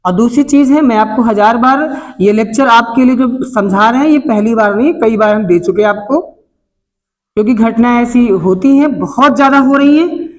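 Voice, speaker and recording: A middle-aged man with a north Indian accent lectures a classroom of students. His voice sits high for a man as he moralizes earnestly and throws rhetorical questions at the class. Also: moderate pace. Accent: Hindi, north Indian. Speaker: coaching teacher. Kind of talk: classroom life advice talk. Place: coaching classroom.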